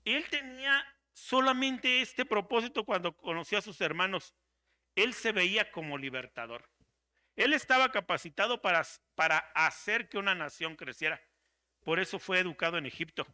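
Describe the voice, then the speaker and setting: A man's voice: sits high, lively intonation, moderate pace, bright, forceful tone. A man preaching a sermon as pastor, dramatic and theatrical, acting out the voices of the people he quotes.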